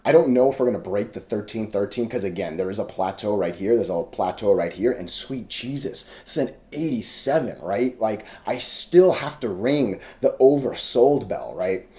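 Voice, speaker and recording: Low-ish, mellow, and animated, a man talks at a moderate pace with hardly any pauses while casually commenting on stock charts over a screen share. He has hiccups, rambles, restarts his sentences, and uses salty slang.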